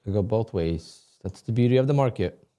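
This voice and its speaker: A man chatting casually on a live stream while day trading, thinking aloud with halting restarts. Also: on the low side, animated, dark tone. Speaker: livestream day trader.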